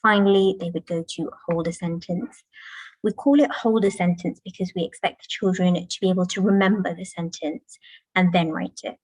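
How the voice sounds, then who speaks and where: A woman's voice: lowish voice, fairly even intonation, moderate pace, slightly rough, no room sound, low-quality recording. A woman teacher giving a talk to parents, explaining patiently and modelling classroom chants. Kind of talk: presentation to parents. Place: school, indoors.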